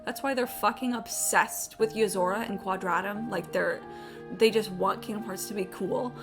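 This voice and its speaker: With game music running in the background, this woman chats casually as a live streamer while playing. She speaks at normal speed in a mid-range voice with fairly even intonation, being opinionated and emphatic and swearing freely.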